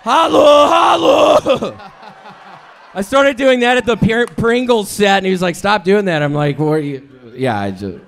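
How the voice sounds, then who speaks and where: A man doing absurd, rambling stand-up banter on a club stage, talking in a slow, dim, drawn-out way that breaks into abrupt shouts. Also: sits high, expressive, a faint crowd. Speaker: comedian guest.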